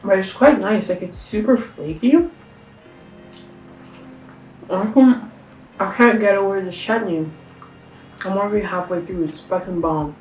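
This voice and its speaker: A woman's voice: mid-range voice, measured pace, long pauses, darkish tone, soft background music. Chatty young woman vlogging, roomy sound. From Canada. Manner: chatty and enthusiastic, with many fillers and slang. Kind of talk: casual food-tasting vlog. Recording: roomy sound, a bit far from the mic.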